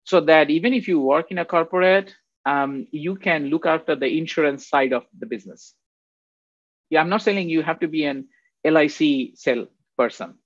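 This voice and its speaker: Speaking at a normal pace in a somewhat high voice, a guest speaker from Bangladesh, a man in his fifties, delivers a loose, chatty faculty lecture from home and keeps asking "right?". The video-call recording is dry and dull.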